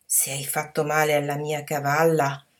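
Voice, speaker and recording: A woman's voice: deep voice, level tone, moderate pace, lightly acted. Woman voicing a prickly rebellious teenage girl. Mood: angry. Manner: sharp, hissing defiance.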